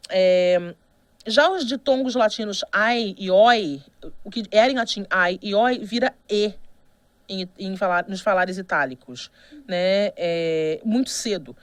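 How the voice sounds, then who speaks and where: At a measured pace and with no room sound, a Brazilian woman lectures for a university course recorded online. Her mid-range voice has a Brazilian Portuguese accent, and her patient explanations are dotted with "né?" checks and restarts.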